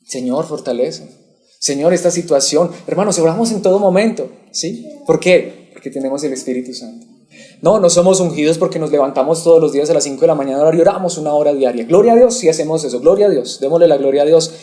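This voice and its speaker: Quick-paced and mellow, this pastor's voice runs on the high side. He gives an expository sermon to his congregation, posing questions and waiting for the people to answer.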